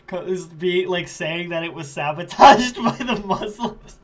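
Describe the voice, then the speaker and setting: A man with a high voice co-hosts a casual podcast. He rambles through long tangents full of "like" and breaks into giggles. His talk is loose and unscripted. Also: animated, unhurried, a crowd in the background. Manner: rambling, giggly, many fillers. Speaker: podcast co-host. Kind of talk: casual chat.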